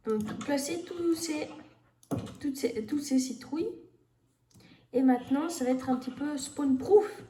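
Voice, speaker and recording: Woman, slow gameplay commentary, thinking aloud, fillers, faint background noise. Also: high-pitched, mellow. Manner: thinking aloud, many fillers, talks to the viewers. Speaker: gamer streamer. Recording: echoey room with faint noise.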